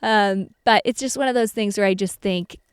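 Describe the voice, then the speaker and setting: A young woman in her twenties co-hosting a podcast, talking earnestly and openly. Her voice is smooth and clear, with a medium pitch. The recording is dry and close. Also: moderate pace, dry recording. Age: 20s. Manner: earnest, candid, chatty. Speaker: podcast co-host. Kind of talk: casual chat.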